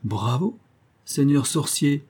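A man's voice: a little high, expressive, slow pace, darkish tone, voice pushed up. A man doing a young, bantering abbé. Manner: bantering, proud. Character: young abbé painter, joking then wary. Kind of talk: audiobook character voice.

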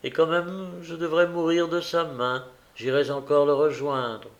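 A man's voice: a little high, little pitch movement, measured pace, natural voice. A man reading the part of a desperate, remorseful young woman who pleads through tears, in a fervent, anguished way.

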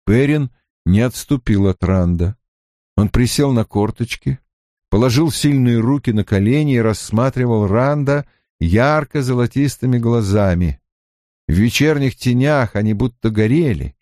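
A man's voice: medium pitch, lively intonation, a little slow, darkish tone, dry recording, studio quality. Man reading an audiobook expressively. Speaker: audiobook narrator.

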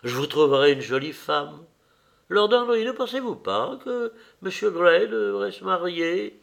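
A man voicing an old society hostess, a bossy matchmaker who talks in a fussy, commanding way with a raised, fluttery pitch. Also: animated, a little slow, gravelly, a bit bright, exaggerated voice. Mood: chiding.

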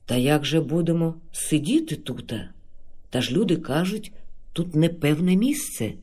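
Very young lad, gentle, boyish, eager, read by a man. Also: on the high side, animated, normal speed, husky.

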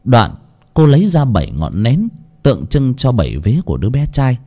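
A man narrating a scripted village horror tale in a slow, dramatic way. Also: mid-range voice, wildly swooping pitch, warm tone.

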